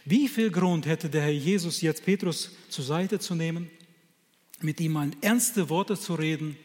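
A man preaching a sermon, speaking haltingly with many restarts and acting out quoted scripture. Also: fairly high pitch, darkish tone, long reverb tail. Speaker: lay preacher.

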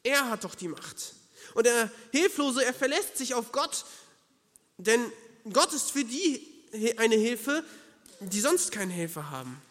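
A man's voice: very high voice, very animated, measured pace, a bit bright, in a large hall. A man preaching a sermon, earnest and emphatic, speaking directly to the listener.

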